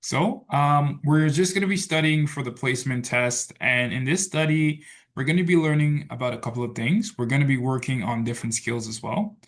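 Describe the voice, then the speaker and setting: A man teaching an English class, talking in a relaxed way full of fillers like "so" and "okay". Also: mid-range voice, moderate pace. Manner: relaxed, filler-heavy, says "so" and "okay" a lot. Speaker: English tutor. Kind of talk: online tutoring class.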